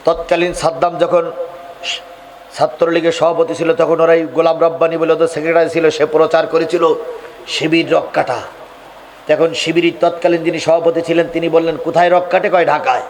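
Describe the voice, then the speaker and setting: A man with a Bangladeshi Bengali accent preaching a sermon, rising into shouts and chanted storytelling. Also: fairly high pitch, flat delivery, normal speed, a little hiss or hum.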